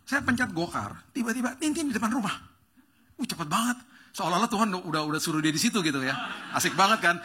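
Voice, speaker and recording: A man pastor telling a story in a sermon, acting out the dialogue with rising excitement. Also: high-pitched, fast, husky. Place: church stage.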